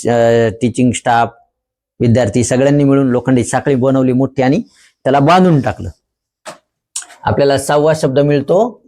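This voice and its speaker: Man, teacher, lively, repeats key words, mid-pitched. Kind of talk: explaining a memory technique to students.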